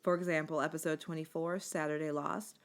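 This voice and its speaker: A woman giving scripted documentary narration in a measured, articulate storytelling manner. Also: sits low, little pitch movement. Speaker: video essay narrator. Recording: music bed under the voice. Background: instrumental music.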